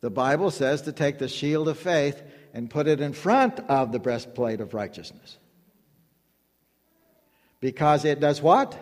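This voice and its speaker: Male preacher, higher-pitched voice, emphatic repetitive delivery with call-and-response, long hall echo. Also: big pitch swings, a little slow. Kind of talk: sermon.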